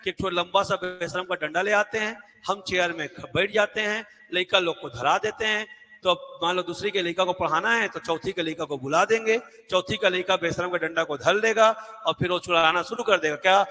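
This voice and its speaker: A man's voice: high voice, a little fast, pushed and bright, in a large hall. A man teaching an exam-prep lesson at a board, asking questions and answering them himself and repeating key words. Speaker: Hindi teacher.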